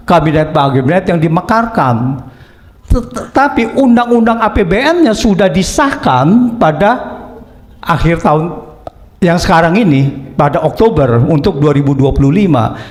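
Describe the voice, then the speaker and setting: A man with a notably high voice gives political commentary. He explains points carefully, one step at a time, and often pauses on small fillers. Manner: measured explanation with frequent fillers like "eh" and "gitu". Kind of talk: analytical commentary.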